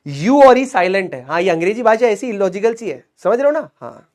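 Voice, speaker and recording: A young man teaching a lesson in a lively, joking way, repeating questions and answers to drill them in. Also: high-pitched, brisk. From Rajasthan, India. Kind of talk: explanatory lesson.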